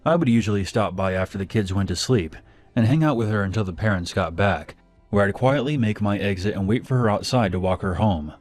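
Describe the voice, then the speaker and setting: A man narrating a first-person horror story in a calm, plain manner. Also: fairly low pitch, fairly quick, soft background music.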